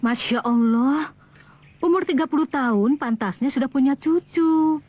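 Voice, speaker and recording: A woman's voice: sits high, measured pace, darkish tone. An actress playing a devout middle-aged mother who insists on choosing her son's bride. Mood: insistent. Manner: insistent, scolding. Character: devout traditional mother set on matchmaking. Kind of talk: TV drama acting.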